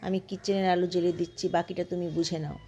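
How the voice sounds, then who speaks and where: A woman's voice: lowish voice, flat delivery, quick pace, warm tone, muffled recording, lightly acted. A woman doing a sulky female household robot. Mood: sly. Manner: plaintive, wounded, coolly sulky.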